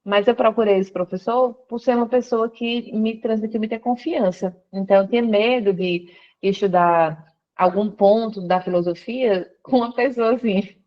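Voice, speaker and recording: A woman's voice: mid-range voice, moderate pace. Woman guest on a video call from work, telling her story, does little voices when quoting ppl, kinda muffled audio. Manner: storytelling, quoting others with lively voice shifts. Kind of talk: conversion testimony interview. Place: at her workplace.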